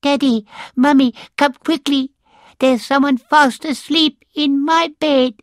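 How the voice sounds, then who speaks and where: A storybook reader voicing a small baby bear boy with a squeaky, high, tearful voice. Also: fairly even intonation, slow, dry recording, clean studio sound.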